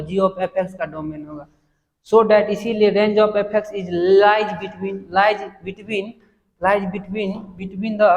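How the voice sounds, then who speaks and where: A man teaching a blackboard math lecture, chatty and teasing, repeating key phrases slowly. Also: high-pitched. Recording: long reverb of an echoey classroom.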